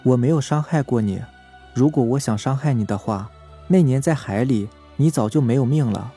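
A man voicing a sorrowful drowned young ghost girl in a horror story, speaking softly and plaintively. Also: medium pitch, normal speed, slightly rough, faint music behind, close to an everyday voice. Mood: mournful. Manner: soft, plaintive, confessing.

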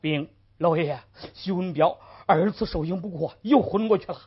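Lady doing a yes-sir court constable, clipped, husky, lo-fi. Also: on the low side, normal speed. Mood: dutiful. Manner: clipped reports. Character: obedient male court constables, brisk. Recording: lo-fi old recording.

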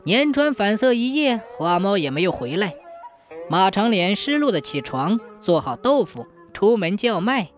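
Female narrator for a folk tale, steady and expressive, mid-pitched. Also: normal speed, soft background music. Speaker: storyteller. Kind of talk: scripted storybook narration.

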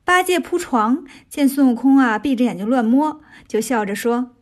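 A woman narrating a children's story with a lively, expressive delivery. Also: high voice, normal speed.

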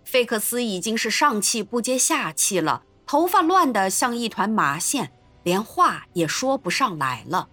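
A woman narrating an episode of a classic adventure novel in an expressive storytelling manner. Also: a little high, a little slow, no echo, faint music behind. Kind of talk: scripted narration.

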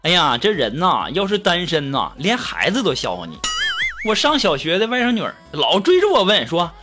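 Guy telling jokes on a podcast, high voice that jumps around a lot, music under it. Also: normal speed. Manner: lively storytelling, acting out quoted voices. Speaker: comedy podcast host. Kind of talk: telling funny anecdotes.

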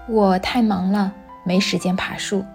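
A woman's voice: mid-range voice, level tone, a little slow, darkish tone, soft background music, natural voice. A woman voicing a boy who grows into a tired old man in a storybook reading, speaking plainly and wearily. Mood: demanding. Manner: plain, weary.

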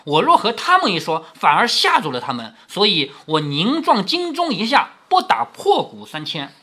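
A man reading as a smooth-talking young nobleman. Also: sits high, normal speed, exaggerated voice. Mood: coaxing. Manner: coaxing, flattering. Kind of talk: storytelling reading.

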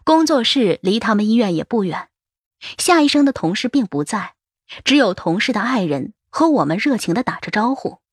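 A woman's voice: medium pitch, big pitch swings, moderate pace, breathy edge, no echo, clean studio sound. A woman narrating a first-person novel as an audiobook, in a wistful, emotive storytelling manner.

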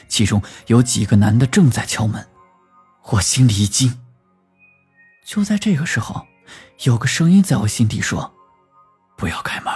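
Husky guy narrating a creepy ghost story, voice bouncing all over, soft music behind. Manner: lively storytelling, lifting pitch for quoted speech.

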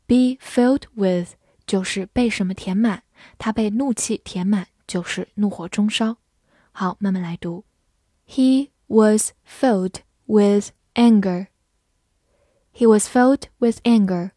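A woman English teacher giving a scripted vocabulary lesson, spelling words letter by letter and reading example sentences slowly. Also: mid-range voice, warm tone, dry recording, studio quality.

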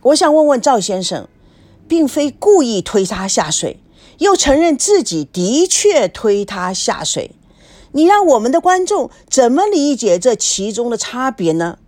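A woman voicing a sharp, relentless female TV talk-show host who presses her guest with probing questions. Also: fairly high pitch, big pitch swings, a little slow. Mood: pressing.

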